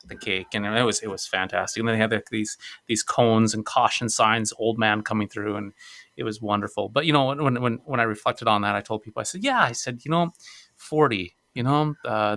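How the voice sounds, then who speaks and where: Pastor guy in his 40s, bright voice, dry close sound, tells stories with energy. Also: on the low side, no room sound. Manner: storytelling, animated. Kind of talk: casual discussion.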